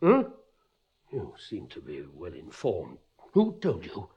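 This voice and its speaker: An actor playing an anguished middle-aged cavalry captain, tormented and suspicious, in a 1950s radio drama with impassioned, bitter delivery. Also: male voice, deep voice, wildly swooping pitch, slow pace, slightly rough, lo-fi sound, full character voice.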